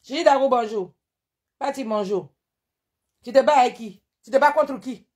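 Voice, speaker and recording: A woman's high, slightly mellow voice, carrying an Ivorian French accent, moves at normal speed as she rants on her live stream. She scolds with indignation, repeating the same rhetorical questions over and over.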